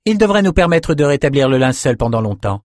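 A man's voice: mid-range voice, very animated, fast, a little mellow, no echo, studio quality, voice pushed up, close to an everyday voice. A man voicing a haughty, cold female magician who speaks loftily in a storybook.

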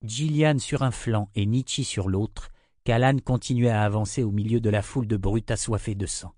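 A man reading a fantasy audiobook in a measured, steady narration. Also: fairly low pitch, dry recording, studio quality.

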